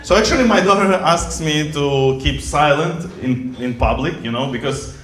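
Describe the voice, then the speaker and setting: A middle-aged man from Russia with a Russian accent, performing stand-up comedy in broken English with deadpan delivery. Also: fairly high pitch, faint music behind. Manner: deadpan jokes in broken English, pausing for laughs. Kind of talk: stand-up set. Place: comedy club stage in Berlin. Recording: echoey club with loud audience.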